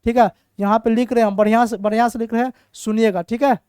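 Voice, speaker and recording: Young man, exam tutor, chatty rhetorical questions, smooth voice, dry close sound. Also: very high voice, level tone, fast, darkish tone, no room sound. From Bihar, India. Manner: chatty, asks rhetorical questions and answers himself. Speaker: teacher. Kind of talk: exam-prep reasoning lesson.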